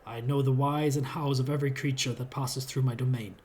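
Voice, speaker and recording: A man's voice: medium pitch, steady tone, a little fast, darkish tone, a little hiss or hum, natural voice. A man reading the lines of a giant gilded iron lion automaton, a grim guardian who speaks in a grating, lordly and threatening way. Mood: menacing.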